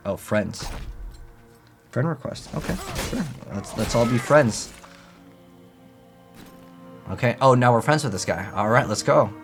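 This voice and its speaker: A man's voice: medium pitch, animated, a little slow, long pauses. A man giving casual, rambling, conversational gameplay commentary as the host of a gaming video. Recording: game music behind the voice. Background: video game music.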